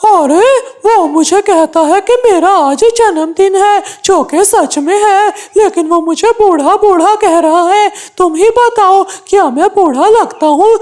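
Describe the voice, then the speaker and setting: A woman's voice: extremely high pitch, unhurried, few pauses, darkish tone. A woman voicing a boastful, hot-tempered aging male crow in a cartoon, insisting he is still young. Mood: defensive. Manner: boastful, defensive. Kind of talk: cartoon voice acting.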